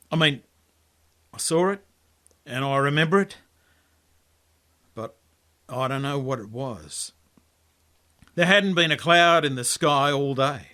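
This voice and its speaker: High-leaning, bright and forceful, this man's voice carries a first-person yarn that he, an Australian, wrote himself and reads in a colloquial, laconic manner.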